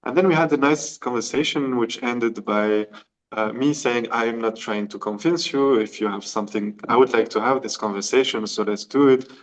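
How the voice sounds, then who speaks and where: A Tunisian man with a medium-pitched voice speaks at a normal speed as a podcast guest. He tells a personal story in an animated way, acting out the quoted dialogue as he goes. The recording quality is low.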